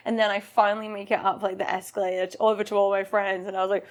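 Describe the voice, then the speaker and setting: New woman, 30s, podcast co-host, animated storyteller. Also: mid-range voice, fast talker. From New Zealand. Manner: animated storyteller, acts out quotes. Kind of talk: casual chat.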